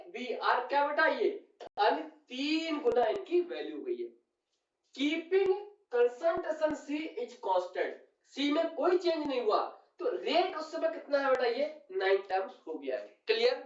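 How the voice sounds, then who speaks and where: A male chemistry teacher giving a classroom lecture, calling his students "beta" and checking often that they follow. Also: extremely high pitch. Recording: roomy, distant, dull lo-fi sound.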